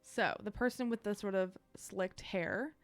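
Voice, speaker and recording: A woman's voice: mid-range voice, measured pace, soft background music. A woman narrating as game master in a tabletop game, chatty and loosely improvised, with plenty of fillers.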